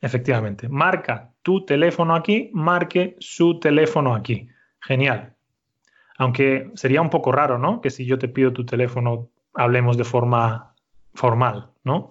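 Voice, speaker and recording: A man teaching a Spanish lesson, speaking slowly and clearly and repeating his student's answers. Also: medium pitch, muffled recording. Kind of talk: conversational language lesson.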